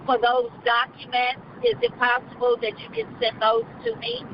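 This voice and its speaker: A woman's voice: fairly high pitch, big pitch swings. A woman calling in from Maryland, asking hesitantly, her voice hollow and windy as if she were talking from inside a wind tunnel. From Maryland, USA. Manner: hesitant, halting, with many restarts and fillers. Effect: hollow, windy sound as if talking from inside a wind tunnel. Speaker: caller. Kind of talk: call-in question to a radio host. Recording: muffled phone call with loud wind noise.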